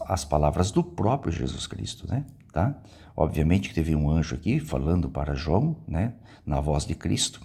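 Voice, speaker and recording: This man's voice is low, creaky, and dark with a breathy edge. Speaking with a Brazilian Portuguese accent, he teaches the Bible informally and conversationally, frequently tacking on questions to make sure his listeners are with him.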